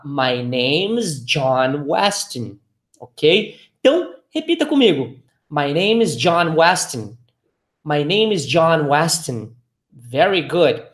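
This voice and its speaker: Lively Brazilian man teaching English. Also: sits high. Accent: Brazilian Portuguese. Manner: repeats English phrases slowly and clearly for learners. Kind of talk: language lesson with repeat-after-me drills. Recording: echoey room.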